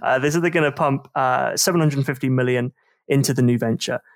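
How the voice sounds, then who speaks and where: A man talks through a podcast segment, with a rambling, self-deprecating delivery full of fillers. His voice carries a gravelly fry and sounds dry and close, with no room around it. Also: mid-range voice, a little fast, no echo. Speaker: podcast host. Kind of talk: casual podcast discussion.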